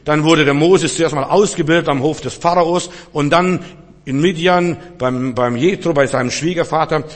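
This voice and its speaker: Husky preacher in a reverberant hall. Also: male voice, on the high side, normal speed. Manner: emphatic, swings between loud and hushed. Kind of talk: sermon. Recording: long reverb of a large hall.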